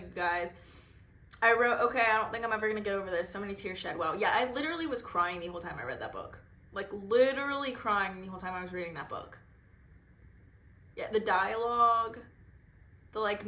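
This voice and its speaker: A young woman with a drawl chats about her reading in a bubbly, filler-heavy way. Her voice is bright and clear, and the room behind it rings with echo. She talks at an even middle pitch. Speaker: book vlogger. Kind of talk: chatty reaction vlog.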